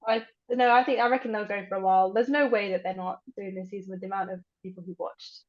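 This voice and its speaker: Chatting casually as a podcast co-host, a young woman speaks quickly in a medium-pitched, fairly even voice. She hedges her points, leans on lots of "um" fillers, and the audio sounds dull and lo-fi.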